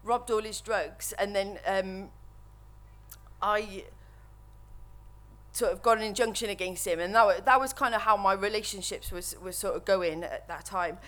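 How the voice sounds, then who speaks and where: A woman in her thirties with a Welsh accent, nervously telling her recovery story to an audience at a microphone, halting and full of restarts. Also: mid-range voice, a bit bright. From Wales. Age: 30s. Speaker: speaker sharing recovery story. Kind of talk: personal testimony to an audience. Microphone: microphone while standing before an audience.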